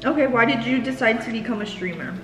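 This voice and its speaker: Young woman, fairly high voice, reading questions casually while eating, music behind. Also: lively intonation, fast. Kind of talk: casual chat over food. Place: indoor dining table in a large room. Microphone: camera across the table. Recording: echoey room, music behind.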